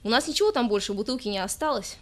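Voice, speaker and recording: A woman voicing a drunk, self-pitying young male poet who rants in a loud, drawn-out, whiny way. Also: on the high side, animated, lightly acted. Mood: pompous sulking.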